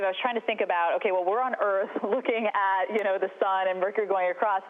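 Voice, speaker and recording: A woman working as a TV interviewer, asking questions in a casual conversational style over a phone-like link. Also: mid-range voice. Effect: phone or radio link. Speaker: TV weather channel interviewer. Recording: tinny narrow phone-like line.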